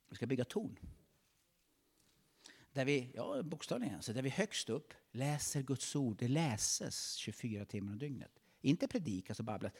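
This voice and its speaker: A male pastor delivers a fervent sermon in a church. His pitch swings widely as he talks, and he breaks off to call out praises between points.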